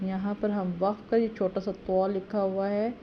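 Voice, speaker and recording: A woman teaching correct prayer recitation, chanting each verse slowly and then explaining it quickly and quietly. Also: mid-range voice, little pitch movement. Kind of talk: tajweed lesson with slow chanted recitation. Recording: slightly dull audio with faint background noise.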